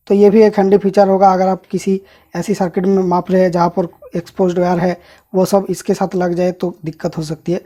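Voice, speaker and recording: A man walks viewers through a gadget unboxing in a relaxed, chatty way, pointing out each part as he goes. His voice is mellow and dark in colour, and his pitch barely moves, staying steady and even from line to line. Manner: explains while handling the device, addresses viewers as friends. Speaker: host of an electronics channel. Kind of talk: casual product unboxing and review.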